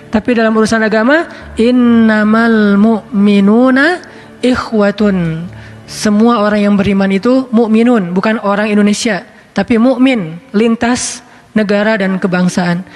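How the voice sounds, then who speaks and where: High-voiced man giving a casual sermon. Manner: chatty and conversational, weaving in recited scripture. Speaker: preacher.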